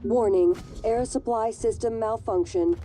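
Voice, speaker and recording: A woman voicing a calm, dark-toned ship computer. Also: on the high side, natural voice. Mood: calm warning. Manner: even, measured announcement delivery. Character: calm female ship computer issuing warnings.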